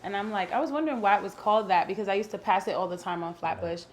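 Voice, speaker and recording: A woman hosting her own show, chatting in a lively way and laughing readily. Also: mid-range voice, rapid-fire. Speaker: show host. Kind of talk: casual interview chat.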